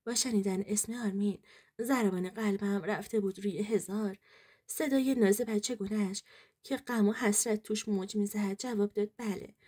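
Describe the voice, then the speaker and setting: A woman reads a first-person true story aloud. Her voice is mellow and dark, with a husky edge, and her telling is earnest and emotional. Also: medium pitch, steady tone.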